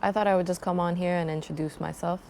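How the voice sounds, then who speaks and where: A young Croatian woman introduces herself and her travel channel to camera, casually rambling in a thoughtful way with frequent restarts. Her lowish, gravelly voice has a steady, darkish tone and she talks fast. A little hiss or hum sits under the recording.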